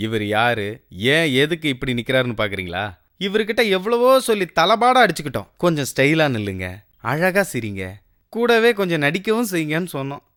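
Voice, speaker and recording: Bright, teasing male comic narrator. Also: fairly high pitch, sing-song, brisk. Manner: mock-dramatic, teasing.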